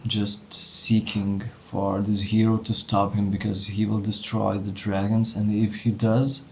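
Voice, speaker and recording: A man acts as game master in a tabletop game, his voice low and gravelly. He talks in an even, measured way with small pauses, giving warnings. A faint hiss sits under the recording. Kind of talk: narrating a tabletop game as an innkeeper.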